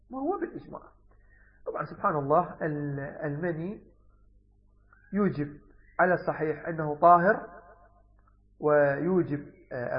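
A man's voice: a little high, in a large hall. A man giving a religious lesson, explaining texts and repeating key words, shifting between dialect and formal speech. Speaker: Islamic teacher. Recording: dull lo-fi recording.

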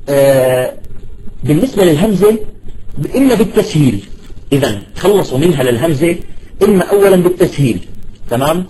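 A man's voice: a little high, mellow, slight background noise, low-quality recording. A man teaching an informal lesson, explaining patiently, often checking that his listeners follow, and repeating and stretching out example words. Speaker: Arabic language teacher.

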